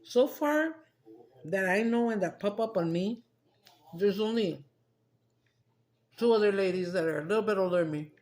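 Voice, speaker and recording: A woman's voice: medium pitch, lively intonation, normal speed, long pauses, a little mellow. A middle-aged woman, chatting loosely while eating on camera, swearing and slipping into Spanish. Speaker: mukbang streamer. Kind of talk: casual chat while eating.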